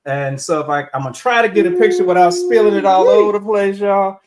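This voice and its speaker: A man co-hosting while serving a dish he cooked, in a relaxed, homey way, from a kitchen. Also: sits high, fast, over a noisy crowd. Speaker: cook and co-host. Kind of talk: casual chat while serving food. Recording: roomy sound with faint background noise.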